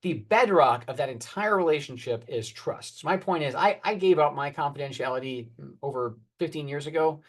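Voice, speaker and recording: A man's voice: on the high side, expressive, moderate pace, hardly any pauses. Man, 40s, oncologist presenting on stage; candid, wry and earnest. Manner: calls for next slides. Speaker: oncologist giving a talk. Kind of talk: conference presentation.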